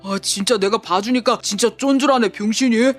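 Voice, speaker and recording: A very high-pitched, petty young male scammer, played by a man in an audio drama, a hotheaded bully who turns into a stammering coward. Faint music runs underneath. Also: moderate pace, lightly acted. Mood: taunting. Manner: stammering, swings from taunting to groveling.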